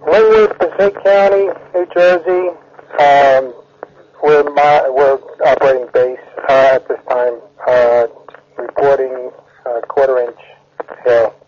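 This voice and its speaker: A man reporting in as a storm spotter over two-way radio, with clipped, halting replies. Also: medium pitch, fairly even intonation, a little mellow. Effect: two-way radio transmission. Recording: very noisy, clicking, dull radio transmission.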